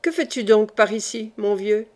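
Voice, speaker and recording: A woman's voice: medium pitch, normal speed, lightly acted. Woman reading as a kindly old stationmaster. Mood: questioning. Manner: gentle, reassuring. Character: kindly male stationmaster, former army captain.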